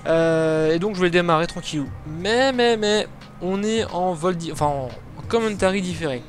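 A man's voice: high-pitched, normal speed. A man from France with a French accent, casually commenting on his flight sim game and rambling with lots of fillers and self-corrections, recorded on a desktop mic over background music. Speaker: flight sim video host. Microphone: desktop microphone.

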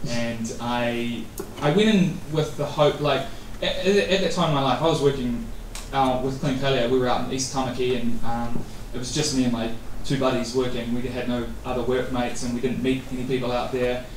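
A casual guest speaker, a New Zealander in his thirties, rambles through interview answers at a meetup, constantly using fillers and restarting. He speaks fairly quickly at medium pitch with fairly even intonation and hardly any pauses. A distant mic captures him in a noisy, reverberant, echoey venue.

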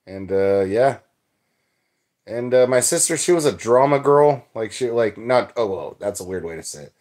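This young livestream host has an expressive, mid-range voice with a darkish tone and a moderate pace. He chats casually and reads out comments from viewers, his talk loose, rambling and packed with filler.

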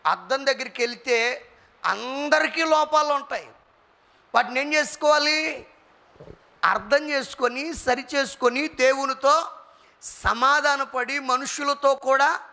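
High-voiced bright man preaching a sermon. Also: measured pace, pauses often. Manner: calls out questions to the congregation and asks for responses; mimics quarrelling people in quoted asides. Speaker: pastor.

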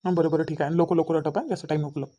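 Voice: mid-range voice, fairly even intonation, rapid-fire, dark tone, muffled recording, close to an everyday voice. A voice actor playing an impatient man who hurries others along in a cartoon. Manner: brusque, hurrying others along. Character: impatient adult man in a hurry. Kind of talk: cartoon voice acting.

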